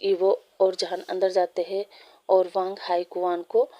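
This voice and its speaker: A woman reading a fan story aloud, in a steady, plain way with small slips. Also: fairly low pitch, unhurried, highs cut off.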